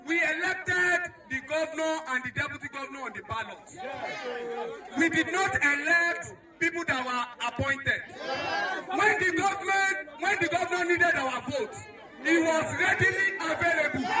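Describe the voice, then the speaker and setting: Nigerian man shouting a protest speech. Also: very high-pitched, very noisy. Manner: declamatory, emphatic, repetitive rallying phrases. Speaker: protest speaker. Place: outdoor protest crowd. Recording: echoey crowd recording from far off.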